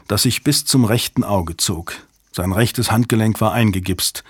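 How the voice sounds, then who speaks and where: A man narrating a thriller audiobook in measured, even storytelling. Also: on the low side, no room sound, clean studio sound. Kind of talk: scripted narration.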